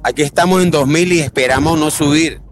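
A man from Venezuela with a Venezuelan accent, a beach corn vendor answering calmly and politely. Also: fairly high pitch, a little fast, background noise. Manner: calm, polite, says "that is correct". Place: outdoors on a beach.

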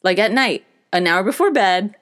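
A young woman in casual chat, animated and giggly, speaking earnestly about her life. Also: mid-range voice, normal speed.

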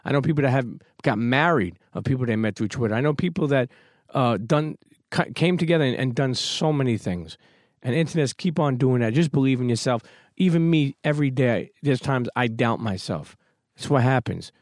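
Here a podcast host speaks briskly and expressively, barely pausing as he pushes an emphatic motivational message peppered with swearing, then welcomes his guest. His pitch is medium, and the studio-quality sound has no echo.

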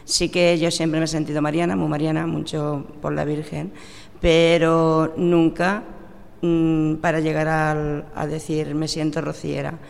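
Low, gravelly-voiced woman in a roomy space. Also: flat delivery, unhurried, a little mellow, a little hiss or hum. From La Mancha, Spain. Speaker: president of a religious brotherhood. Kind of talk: radio interview answers. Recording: reverberant room.

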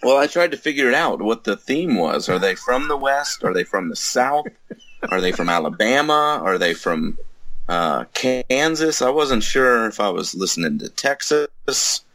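A man's voice: medium pitch, very animated, moderate pace, fairly bright tone, no echo. A man co-hosting a casual movie review podcast, with dry, wry humor. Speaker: podcast co-host.

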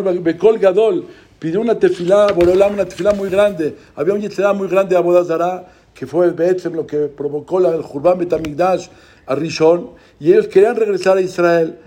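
A man's voice: sits high, fairly quick, warm tone. A man giving a religious lecture, preaching and asking rhetorical questions. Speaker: religious speaker.

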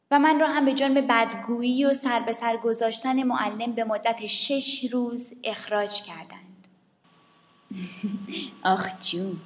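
A woman with a high, light voice reads a children's story aloud. She is lively and lends each character a voice of its own. The recording carries a long, roomy reverb, with faint music underneath. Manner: lively, shifts her voice for the characters. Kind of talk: expressive reading of a children's story.

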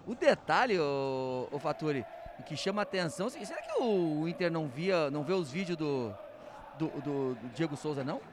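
A man gives live football analysis as a commentator, emphatic and sometimes halting on repeated words. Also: fairly high pitch, sing-song, background noise. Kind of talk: animated match analysis.

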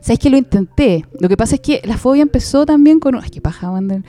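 A woman with a Chilean accent chatting casually as a podcast co-host, laughing often and telling stories in lively slang. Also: fairly high pitch, quick pace. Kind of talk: casual chat.

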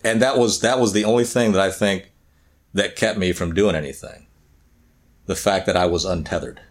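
A man's voice: sits low, moderate pace. A middle-aged man from the American South and Midwest, co-hosting a podcast in casual, rambling, self-deprecating chat. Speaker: podcast co-host.

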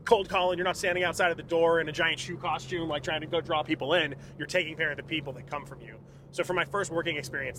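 An excited man rattles off his thoughts at speed, piling up fillers as he goes. He speaks from inside a car, with clear road noise behind him. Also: fairly high pitch. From California. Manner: enthusiastic, rambling, filler-heavy. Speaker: podcast guest. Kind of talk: casual conversation.

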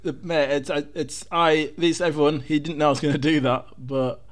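A man's voice: on the high side, fairly even intonation, normal speed. A man hosting a casual podcast, teasing his guest and calling him "mate" often. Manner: laughing, teasing, says "mate" a lot. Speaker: podcast host.

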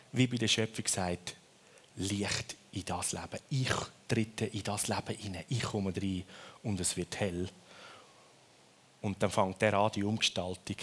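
A man from Switzerland with a Swiss accent, preaching a sermon in a lively storytelling way and often ending his phrases with a questioning tag. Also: on the low side, husky.

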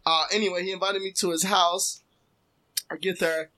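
A man in casual podcast chat spins an animated story, jumping into the voices of the people in it. His voice sits a little high and comes across bright and forceful. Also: normal speed. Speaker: podcast co-host.

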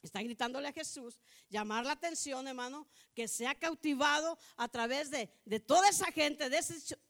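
High-voiced lady preacher, keeps saying brother, gets loud and fired up. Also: moderate pace. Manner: addresses listeners as brother again and again, rises to fervent outbursts. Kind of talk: sermon.

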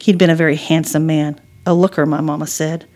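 Wry teasing mom in a story, read by a woman, lowish voice, deadpan sarcasm. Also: brisk, close to an everyday voice. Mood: reminiscing. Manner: dry, sarcastic humor. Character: wry, teasing mother driving her daughter.

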